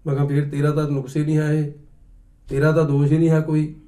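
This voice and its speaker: A middle-aged man giving a sermon, telling stories and explaining recitation slowly. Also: fairly high pitch, monotone, mellow. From Punjab. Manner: storytelling, acts out quoted voices, slow deliberate explanations. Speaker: Sikh preacher. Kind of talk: katha sermon with anecdotes.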